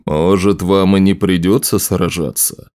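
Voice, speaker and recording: A man voicing a theatrical, self-assured nobleman in an audiobook, speaking slowly and deliberately. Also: sits low, fairly even intonation, a little mellow. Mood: scheming. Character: theatrical scheming male nobleman, showman. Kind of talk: audiobook role reading.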